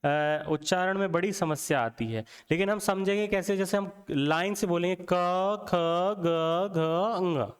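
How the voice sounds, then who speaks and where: This young man's voice sits high and comes across clear and resonant as he leads a Hindi grammar lesson. Taking his time, he voices letters one by one, repeats them, and tests the viewer with questions.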